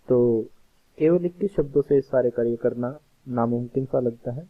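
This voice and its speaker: A male teacher working through a computer science lesson at an unhurried pace, restating each point in other words. His voice has a gravelly, creaky edge. The audio is narrow and tinny, like a phone line. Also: mid-range voice. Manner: slow, patient explaining with repeated rephrasing.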